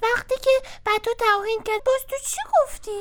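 A performer voicing a small, caring kitchen utensil in a children's puppet show, talking quickly. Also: extremely high pitch, fairly even intonation. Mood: earnest. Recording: loud noise with clicks.

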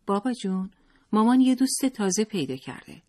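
The audiobook narrator voicing a spoiled little boy who whines and cries, in a high put-on voice. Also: big pitch swings, warm tone, lightly acted. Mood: tattling. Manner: high whining, crying. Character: spoiled whiny little boy, tantrum-prone.

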